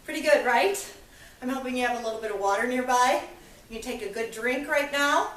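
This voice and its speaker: Heard from a distance in an echoey room, a woman instructor guides a workout, cheerfully counting reps and encouraging the class. Her voice is fairly high, brisk and a bit bright, and she's a little winded.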